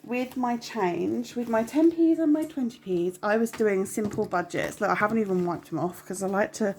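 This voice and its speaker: Filming at home, a young woman who runs a budgeting channel chats to camera through a stuffy, nasal cold, rambling, apologetic and full of ums. She speaks at medium pitch and a moderate pace, her tone somewhat dark.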